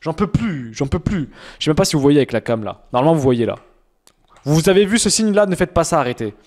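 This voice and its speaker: A man's voice: a little high, very animated, racing, darkish tone. A young man streaming, reacting to fan-sent rap songs in casual, slangy talk with mocking, exaggerated complaints.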